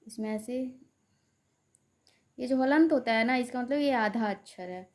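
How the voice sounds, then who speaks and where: A woman's voice: fairly high pitch, unhurried. A woman teaching a grammar lesson for exam students, explaining step by step, repeating terms and drawing out vowel sounds. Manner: asks rhetorical questions to the class.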